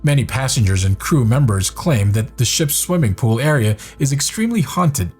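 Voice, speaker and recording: A man with a husky, slightly breathy voice narrates a countdown of clips from a script. His delivery is measured and even, pitched in an ordinary middle range. Soft music sits underneath him.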